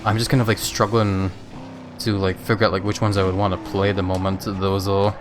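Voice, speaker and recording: A man's voice: sits low, flat delivery, a little fast, background noise. A man casually chatting with viewers while playing a racing game on a live stream, laid-back and laughing often.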